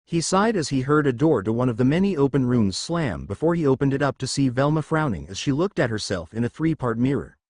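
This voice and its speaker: Brief: male storyteller, steady read-aloud, animated intonation. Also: medium pitch, fairly quick, hardly any pauses, dry recording, studio quality. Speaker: story narrator. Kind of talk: scripted narration.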